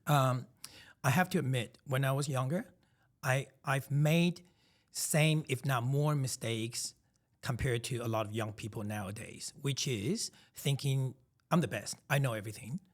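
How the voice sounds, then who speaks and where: A man's voice: medium pitch, a little slow. A man in his thirties, originally from Taiwan, co-hosting a casual podcast chat and telling emphatic, reflective stories with frequent restarts. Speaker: podcast co-host.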